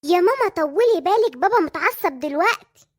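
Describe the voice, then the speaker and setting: A woman's voice: extremely high pitch, lively intonation, fast. A woman voicing a cheeky, boastful young boy in an Egyptian cartoon, with an Egyptian Arabic accent. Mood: worried. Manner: boastful, chatty. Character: cheeky clever young boy, mother's son.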